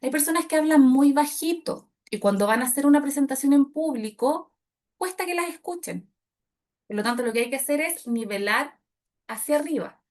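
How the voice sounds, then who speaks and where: A middle-aged woman teaching public speaking to a group of women, shifting her loudness and pace to demonstrate. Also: high voice. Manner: expressive, demonstrates loud and soft delivery. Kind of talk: workshop talk to women.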